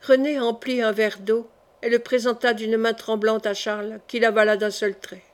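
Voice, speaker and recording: A woman narrates a classic novel as an audiobook, keeping her reading steady and even through every part. Her voice sits a little high. The delivery stays plain and scripted, without changing into distinct character voices. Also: normal speed. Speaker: audiobook reader.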